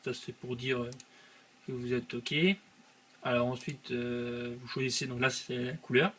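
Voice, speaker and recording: A man's voice: medium pitch, completely flat delivery, a little slow, fairly bright tone, a little hiss or hum. Young man giving a hesitant screen tutorial. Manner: hesitant, many filler sounds. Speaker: channel host. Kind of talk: screen-recorded software tutorial.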